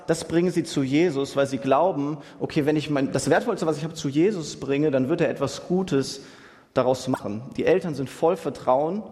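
A young man preaching in a relaxed, chatty way, slipping youthful slang into his sermon. His voice sits a little high. It carries the long reverb of a large church hall. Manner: casual, youthful slang, asks "Ja?" often.

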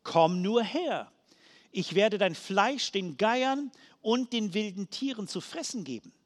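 A man reading the lines of Goliath, an arrogant giant warrior, in a taunting, drawn-out way. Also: sits high, lively intonation.

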